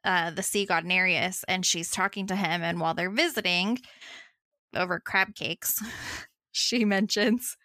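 A woman casually retelling a myth in a chatty, animated way. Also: on the low side, moderate pace, no room sound. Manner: chatty, animated, laughing asides. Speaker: storyteller.

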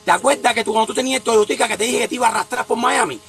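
A man's voice: extremely high pitch, very fast, creaky, music in the background. A man calling into a livestream from outside, taunting and provoking the host. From Cuba. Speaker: livestream caller. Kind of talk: confrontational call-in.

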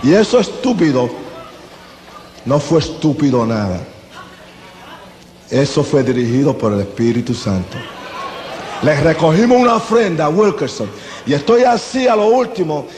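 Male evangelist, high voice, dramatic testimony preaching, long hall reverb. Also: very animated, moderate pace, pauses often, darkish tone, a little hiss or hum. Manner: dramatic storyteller who acts out scenes. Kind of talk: testimony sermon. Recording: echoey hall with faint ambience.

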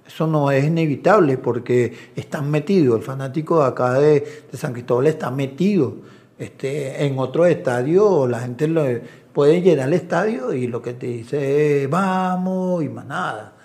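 A man's voice: a little high, normal speed. A middle-aged man, an assistant coach, telling anecdotes in a casual interview and acting out the voices of people he quotes. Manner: animated storyteller who acts out quoted voices. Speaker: assistant coach and video analyst.

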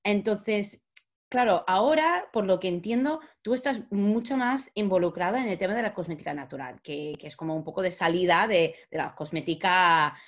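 A woman's voice: medium pitch, normal speed. A woman hosting a casual podcast interview, chatty, with frequent fillers and restarts. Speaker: podcast host.

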